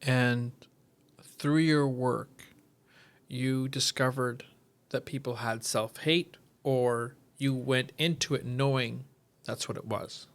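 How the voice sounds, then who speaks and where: Podcast host man, mid-pitched, reflective. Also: steady tone, slow pace. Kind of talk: interview conversation.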